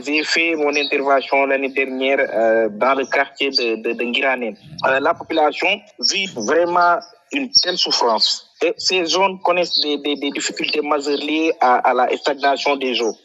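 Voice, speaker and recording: A man from Senegal, answering interview questions about flooding in a halting way, full of fillers and repeated words. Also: mid-range voice, bright, forceful tone, rough recording. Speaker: flood prevention activist, guest.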